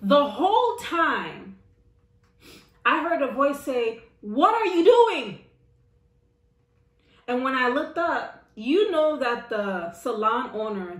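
A woman vlogger telling a comedic storytime in an animated, exaggerated, self-mocking way. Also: on the high side, roomy sound.

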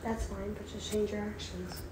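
A woman's voice: medium pitch, little pitch movement, normal speed, darkish tone. Young woman in an echoey, noisy room. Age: young adult. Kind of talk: casual, slangy conversation. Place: indoors, home kitchen.

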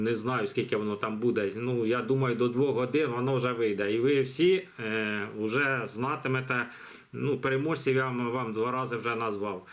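Chatty man hosting a giveaway. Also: mid-range voice. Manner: rambling, chatty, many fillers and restarts. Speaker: channel host running a giveaway. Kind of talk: casual live commentary.

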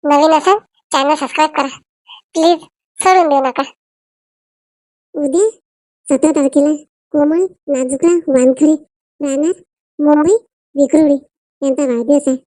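High-voiced Varhadi woman narrator. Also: fairly even intonation, normal speed, long pauses, a little mellow, dry recording, clean studio sound. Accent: Varhadi Marathi. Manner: chatty, folksy village storytelling. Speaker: cartoon narrator and voice artist. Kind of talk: comic storytelling narration.

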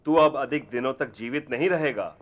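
An actor playing an unseen male king of the gods, a disembodied voice from nowhere, declaiming slowly and grandly with booming laughter. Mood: mocking. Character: unseen male god-king of heaven, mocking and stern. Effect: disembodied voice from nowhere, speaker unseen. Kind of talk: mythological TV drama acting. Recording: dull lo-fi TV soundtrack.

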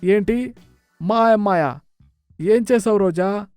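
A man's voice: sits high, normal speed, a little mellow, no echo, faint music behind, voice pushed up, natural voice. A man doing a worried middle-aged father. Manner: questioning, worried.

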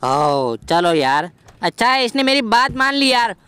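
A man's voice: very high-pitched, very animated, clear, resonant tone, heavily acted. Shiva, a man doing a brash young game hero. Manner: brash, bossy, quick to shout threats. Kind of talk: playful gameplay voiceover dialogue.

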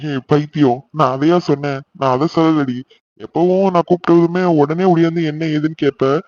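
A man's voice: fairly high pitch, steady tone, normal speed, a little mellow, muffled recording, close to an everyday voice. A man voicing a teasing young married man who runs an office, bantering and scolding in jest. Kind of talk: cartoon voice acting.

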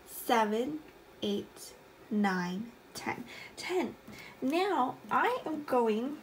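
A woman's voice: fairly high pitch, rough recording. A woman in her twenties teaching young children like a kids show host, in simple, encouraging questions. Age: 20s. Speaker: elementary math teacher. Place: small room at home, indoors. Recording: clear background noise, room ambience.

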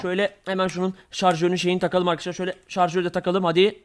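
A young man hosting excited gameplay commentary, rapid and excitable, constantly addressing viewers. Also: high voice, clear, resonant tone. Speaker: channel host.

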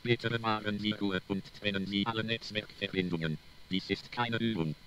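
A man as a low alarm loudspeaker announcer. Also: normal speed. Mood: calm urgent. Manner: calm, even public-address announcement delivery. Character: calm male automated alarm announcer. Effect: alarm loudspeaker announcement played from a device. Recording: distant speaker with loud noise.

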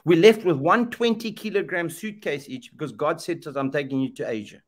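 This is impassioned preaching from a middle-aged man from Zambia, his voice fairly high and a little quick. He's on a webcam video call in an indoor room, stressing his words like a preacher, repeating lines and asking rhetorical questions.

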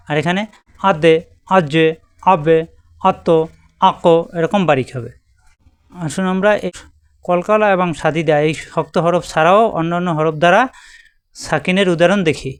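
A man teaching Quran reading in a slow lesson, spelling each word out and saying it two or three times with stretched syllables. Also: a little high, smooth, no room sound.

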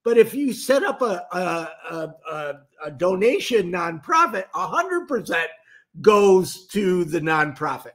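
Brief: male live-stream host, high voice, loose rambling delivery with lots of restarts. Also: sing-song, a little slow, fairly bright tone. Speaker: livestream host. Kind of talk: casual live-stream talk.

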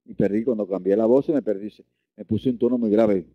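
A man's voice: brisk, breathy edge, no echo, narrow, tinny audio. A man teaching a Reiki lesson, earnest, often repeating and restarting his words. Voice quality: deep voice. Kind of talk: online lesson.

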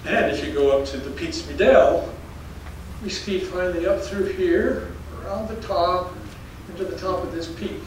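At normal speed and in a high voice, an older geology professor gives a public lecture as a storytelling slide talk. He comes across folksy and anecdotal, chuckling between stories. It's a darkened lecture hall with an audience, heard through a distant mic, very echoey with faint noise.

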